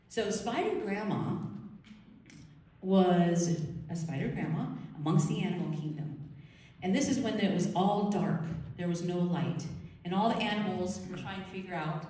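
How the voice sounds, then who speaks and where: A woman giving a chatty, animated storytelling talk to a live audience, often asking them questions. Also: lowish voice. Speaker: speaker at a storytelling event. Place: large room at a live event. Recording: echoey hall, voice from far off.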